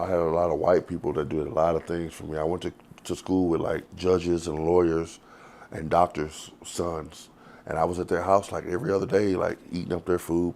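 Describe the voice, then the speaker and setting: A man's voice: low-pitched, gravelly, a little mellow. A man, telling his life story in a loose, rambling, profane way in an interview. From Texas. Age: 40s. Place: outdoors on the street.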